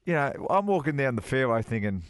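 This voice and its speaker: A middle-aged man, a former touring golf pro, co-hosting a podcast and telling an animated anecdote in casual chat. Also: a little fast, smooth, dry recording, studio quality. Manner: animated anecdote teller, rises high acting out quoted dialogue.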